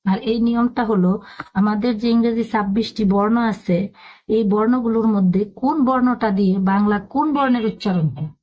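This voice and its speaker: A woman's voice: mid-range voice, darkish tone. A woman teaching a spoken lesson, patiently spelling out words letter by letter.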